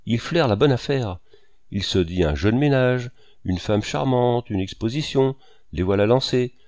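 A man's voice: mid-range voice, expressive, a little slow, darkish tone, dry recording, studio quality, lightly acted. A man voicing a boastful, exuberant male painter who talks grandly and at length. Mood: jovial. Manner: grandiose, voluble.

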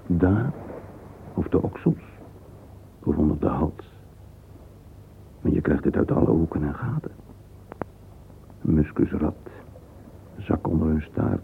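Very low and creaky, a middle-aged man's halting murmur carries a radio drama interior monologue as he thinks aloud. He comes across as pensive, sensual, curious and alone with his thoughts. A faint hiss runs under the muffled, phone-like sound of this old recording.

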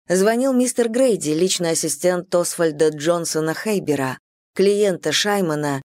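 A woman reading a first-person novel aloud in an even, measured way, close to the mic. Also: on the low side, no room sound. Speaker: audiobook narrator. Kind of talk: first-person audiobook narration.

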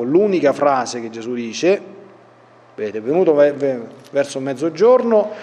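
Guy priest doing bible class, kinda high voice, reads then chats about it, big echoey hall. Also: darkish tone. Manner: reads scripture then explains with asides. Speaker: priest giving Bible catechesis. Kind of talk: Bible study lesson. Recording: long hall reverb.

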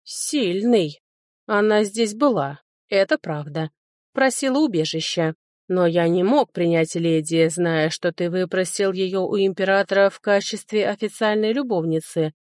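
A woman voicing a sly male high lord and mage who answers in a mocking, evasive way. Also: unhurried, darkish tone, no echo, clean studio sound, close to an everyday voice. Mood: defensive.

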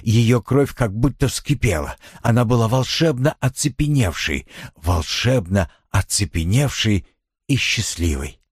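A man reading a novel aloud as an audiobook narrator, in a measured, expressive storytelling manner. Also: mid-range voice, slightly rough, no echo, clean studio sound.

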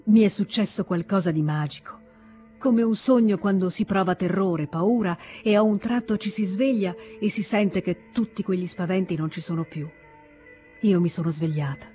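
A woman's voice: mid-range voice, moderate pace, soft background music, close to an everyday voice. A woman reading an audiobook, voicing a tender young noblewoman who speaks in an earnest, confiding way. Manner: earnest, confiding, gently pleading. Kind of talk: audiobook character voice.

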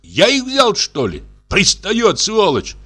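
Man doing a hot-tempered peasant, screechy high voice, wildly swinging pitch, audiobook character. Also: huge pitch swings, slow pace, sharp tone, full character voice. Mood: furious. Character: quarrelsome young peasant man, shrill and touchy.

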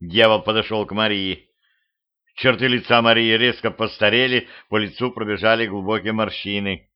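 A man reads a humorous audiobook with a wry storytelling touch. His voice is low and even. The recording sounds dull and lo-fi. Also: moderate pace, smooth. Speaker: audiobook narrator.

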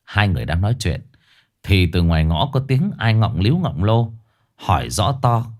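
A man narrating a comic story in a lively, mocking way. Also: deep voice, normal speed.

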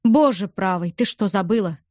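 A woman's voice: mid-range voice, lively intonation, normal speed, darkish tone, dry recording, lightly acted. Audiobook male lead voiced by a woman: bitter, pushy young man, close dry recording. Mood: angry pressing. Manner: accusing, hard-pressing. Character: angry young man, blunt and accusing.

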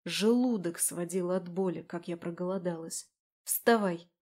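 A woman narrating a first-person audiobook in a wry, expressive way. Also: mid-range voice, moderate pace.

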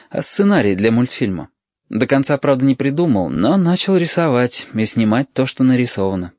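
A man reading a story aloud as audiobook narrator, expressive and lively. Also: medium pitch, dry recording, dull audio.

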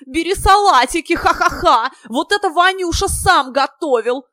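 A woman voicing a boisterous young man who shouts his jokes and roars with laughter. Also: high voice, measured pace, dry recording, studio quality, pitched above the performer's own voice. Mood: rowdy. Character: loud guffawing young man, boisterous joker.

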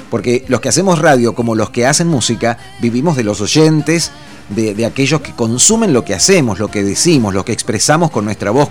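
A middle-aged Argentine man hosting a radio show, effusive and chatty, stumbling over fillers and restarts as he reads listeners' messages. His voice sits at an ordinary middle pitch. Soft music plays faintly beneath him. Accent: Argentine Spanish. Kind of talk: casual radio talk.

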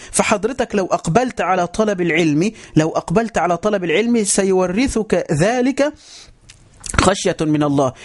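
A man with an Egyptian Arabic accent giving a religious lesson. He speaks emphatically, repeats phrases and keeps telling listeners to pay attention. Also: high-pitched. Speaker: Islamic teacher. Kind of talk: religious lesson on a voice chat app.

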